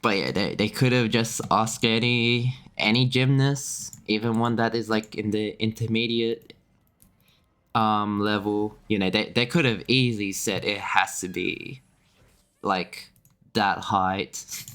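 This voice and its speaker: A young man chatting on a game stream in a lowish voice. He rambles, leans on filler words, restarts his sentences and keeps breaking into small laughs. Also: steady tone, a little slow, fairly bright tone. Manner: rambling, filler-heavy with frequent restarts and chuckles. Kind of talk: casual chat while gaming.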